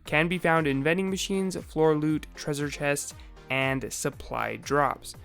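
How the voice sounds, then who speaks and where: A man with a slightly raspy voice, recovering from a sore throat, methodically narrating a scripted video game explainer. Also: fairly high pitch, fairly even intonation, takes it slowly, fairly bright tone, faint music behind.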